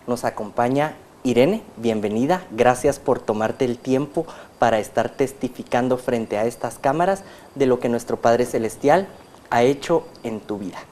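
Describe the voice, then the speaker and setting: A man's voice: medium pitch, normal speed, darkish tone, a little hiss or hum. A man hosting a religious TV interview, formal and welcoming in how he talks. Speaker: TV program host.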